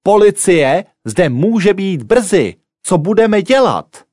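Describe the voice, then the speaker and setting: A hot-headed, bumbling robber who shouts his demands in a raised, jumpy voice, as a male narrator puts him on. The storybook read is close and dry. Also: high voice, sing-song, dry recording, pitched above the performer's own voice. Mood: flustered. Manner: loud, barking orders. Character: impatient clumsy male bank robber.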